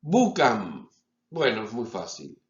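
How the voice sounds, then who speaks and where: A man giving a lecture as a teacher, deliberately stressing each example word. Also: on the low side, wildly swooping pitch. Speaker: Latin teacher. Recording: roomy, slightly dull recording.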